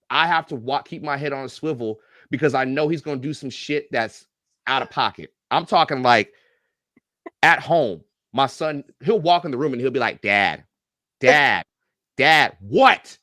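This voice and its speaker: Middle-aged male guest, lively joking storyteller with a salty mouth; mid pitch, dry recording. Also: normal speed, dry recording. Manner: animated, profane, joking storyteller. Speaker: guest, YouTube reactor and coach. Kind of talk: casual podcast storytelling.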